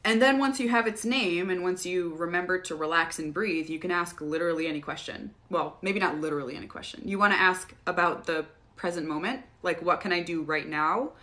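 A woman hosting a casual live Q&A, relaxed and chatty, often laughing as she answers viewers. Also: on the low side, a little fast, few pauses. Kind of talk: casual livestream Q&A.

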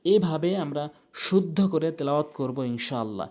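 A man teaching Quranic recitation rules, explaining mistakes briskly and chanting the verses slowly with long drawn-out vowels. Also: fairly high pitch, animated, a little mellow. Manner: repeats corrections, contrasting wrong and right pronunciation. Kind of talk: tajweed lesson with chanted recitation.

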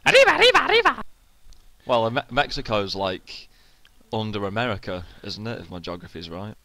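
A man's voice: fairly low pitch, moderate pace, a bit bright. A man co-hosting a game playthrough, joking and teasing. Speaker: let's play co-host. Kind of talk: casual gameplay banter.

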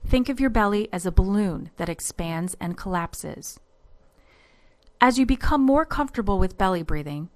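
A woman reading scripted instructional narration as an exercise guide, in a calm, measured, step-by-step manner. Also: mid-range voice.

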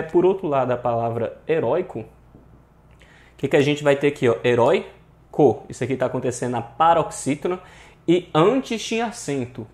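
A man's voice: a little high, a little mellow. Man, Brazilian Portuguese accent, online grammar teacher, emphatic, repeats rules. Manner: addresses viewers often, repeats rules emphatically. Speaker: exam prep teacher. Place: online class.

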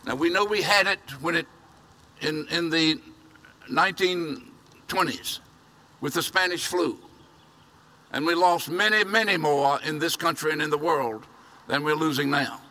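This older pastor's sermon comes from a podium mic set at a distance in an outdoor church parking lot, with vehicles humming softly behind him. His voice is bright and pitched high, and he speaks a little slowly with long pauses. Earnest throughout, he drives home key phrases by repeating them.

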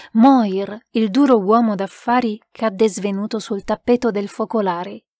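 A woman narrating an audiobook in a tense, measured storytelling manner. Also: on the high side, a little mellow, no room sound, studio quality.

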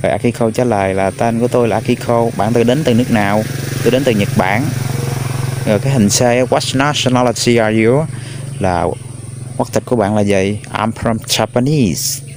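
A man teaching an English lesson to children, repeating each new word slowly three times for the class to echo. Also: lowish voice, fairly even intonation, noisy background. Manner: drills words slowly in threes for pupils to repeat.

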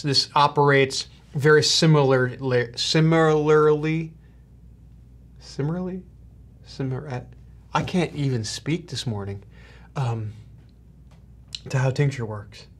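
A man reviewing hot sauce in a casual tasting vlog, halting and coughing often between sighs. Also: medium pitch. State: coughing from spicy powder.

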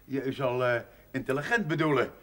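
An actor playing a pompous, gullible village policeman who talks politely and is easily flattered. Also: medium pitch, moderate pace, close to an everyday voice. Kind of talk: 1960s TV comedy acting.

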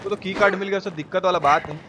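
A male streamer from India, Bihari Hindi accent, rattles off live gaming commentary in a high voice with fairly even intonation. He's colloquial and teasing with his viewers and swears freely, while game sound makes the recording clearly noisy.

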